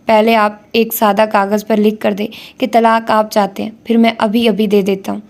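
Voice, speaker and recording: A cold young husband from a romance audiobook gives calm commands, read by a woman narrator. The delivery is flat and even. The tone is dark. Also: mid-range voice, creaky, lightly acted.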